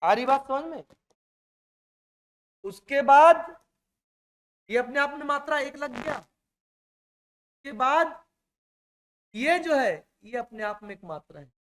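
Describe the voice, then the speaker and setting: Teaching a Hindi exam-prep class, a man lectures in a very high, animated voice, unhurried and with frequent pauses. He repeats each point and keeps checking that his students understand.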